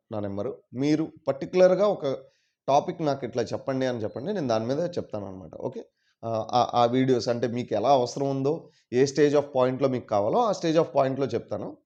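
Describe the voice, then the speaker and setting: A man teaching English in a casual video lesson, explaining patiently and repeating words slowly. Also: medium pitch, lively intonation, warm tone. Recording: dull lo-fi sound.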